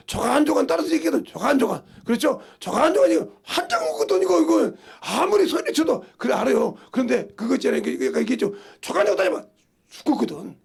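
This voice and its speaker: Korean pastor guy preaching, high raspy voice, swings all over, chatty storytelling. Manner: animated, folksy storytelling with rhetorical questions to the congregation. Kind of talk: sermon.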